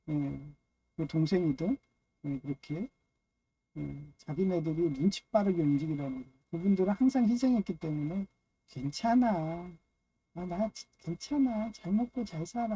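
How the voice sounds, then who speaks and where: A man's voice: on the high side, gravelly, dark tone. A man giving a loose, rambling personal monologue on faith and family, dropping frequent "yes" fillers between phrases. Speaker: speaker of a personal religious talk.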